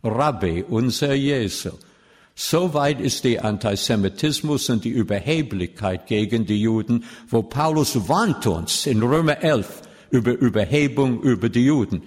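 A middle-aged man gives a sermon in German full of grammar slips, lecturing and asking his listeners questions. He speaks slowly and deliberately, at an ordinary pitch. His voice rings out with a long echo through a large church hall. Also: expressive, a little mellow. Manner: slow, lecturing, asks the audience questions. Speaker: preacher. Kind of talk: sermon with teaching asides. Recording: long echoing reverb of a hall.

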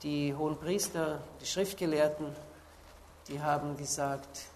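A woman preaching a sermon, slowly stressing key words and pausing to look up Bible verses. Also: low-pitched, steady tone, a little mellow, slight background noise.

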